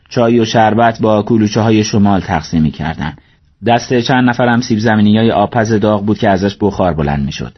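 Low-voiced man reading a story. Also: slightly rough, highs cut off. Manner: steady, measured reading. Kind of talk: audiobook narration.

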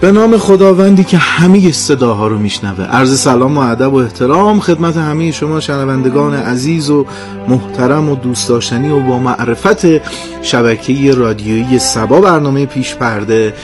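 A male radio presenter and music reporter with an ordinary mid-range voice. He speaks formally, in ornate, ceremonious phrases. Soft music plays faintly underneath. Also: medium pitch.

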